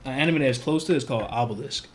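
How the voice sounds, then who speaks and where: A man's voice: medium pitch, racing, crowd noise. A man co-hosting a casual podcast chat, emphatic and swearing freely. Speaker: podcast co-host.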